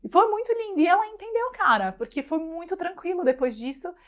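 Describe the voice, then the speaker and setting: A woman's voice: very high-pitched, a little fast. A woman with a Brazilian Portuguese accent, an interview guest and mother, telling a personal story in casual chat and acting out the quoted lines. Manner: animated, re-enacts dialogue in quoted voices.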